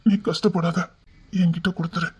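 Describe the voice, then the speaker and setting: A lonely, soft-hearted man with a Tirunelveli Tamil accent, as a woman acts him out, tearful and pleading and often dropping to a hush. The voice is dark and husky, and the recording sounds dull and lo-fi. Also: fairly low pitch, level tone, a little fast. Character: lonely, tender-hearted grown man, emotional. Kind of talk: emotional drama acting.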